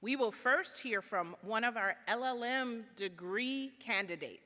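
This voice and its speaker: Bright-voiced woman dean introducing a speaker. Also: on the high side, lively intonation, a little slow. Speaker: law school dean. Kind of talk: ceremonial introduction. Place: large auditorium. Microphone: podium microphone. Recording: auditorium with long reverb.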